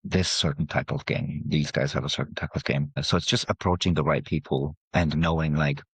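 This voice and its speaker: Guest, male, very deep breathy voice, easygoing explainer. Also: fairly quick, no echo. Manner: relaxed, explains with examples. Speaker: game industry guest. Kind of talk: conversational interview. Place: podcast recording.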